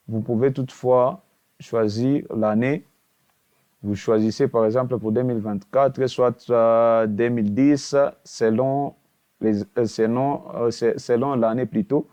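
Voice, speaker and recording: A man talks through a website tutorial in a mellow, dark-toned voice. He hesitates often, fills pauses with filler sounds and restarts his sentences. He keeps coming back to the same stock phrase as he explains each step. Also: medium pitch, clear, resonant tone. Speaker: tutorial video host. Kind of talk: casual screen-walkthrough tutorial.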